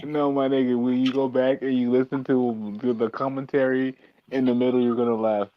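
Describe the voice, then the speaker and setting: A man's voice: mid-range voice, flat delivery, fairly quick, no room sound, muffled recording. A man chatting casually as a podcast guest over an online call, giggly and profane in his banter.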